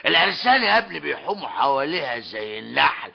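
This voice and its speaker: A gravelly scheming old-radio father. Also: fairly high pitch, sing-song, quick pace, a crowd in the background, full character voice. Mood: mocking. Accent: Egyptian Arabic. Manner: mocking, theatrical, keeps repeating a polite tag. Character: gruff older male tradesman, stubborn scheming father. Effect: old lo-fi radio drama recording. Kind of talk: old radio comedy drama. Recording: dull lo-fi old radio recording.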